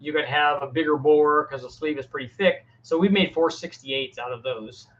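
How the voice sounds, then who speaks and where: In a home workshop with a fan whirring, a middle-aged man hosts a laid-back live Q&A, tackling viewers' technical questions in plain language and frequently starting his sentences over. His voice sits fairly high and a little bright, at an ordinary pace, captured with lo-fi sound.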